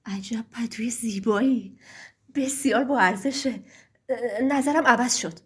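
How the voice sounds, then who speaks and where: A woman voicing a harsh, grumbling young farmer son in a storybook tale, speaking curtly with a breathy voice. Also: a little high. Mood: scheming. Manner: scolding, curt.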